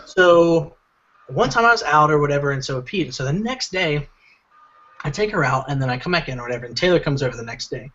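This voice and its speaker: On a casual comedy podcast, a male co-host rambles through a long, animated story packed with fillers. His voice sits a little high and moves fast, and the recording has its highs cut off.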